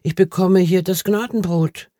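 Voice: medium pitch, fairly even intonation, a little slow, mellow, no room sound, voice pushed up, close to an everyday voice. An audiobook reader voicing a dry, loyal old male gardener who speaks plainly and matter-of-factly.

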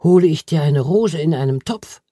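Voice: medium pitch, expressive, moderate pace, warm tone, dry recording, close to an everyday voice. An audiobook reader voicing a dry, loyal old male gardener who speaks plainly and matter-of-factly.

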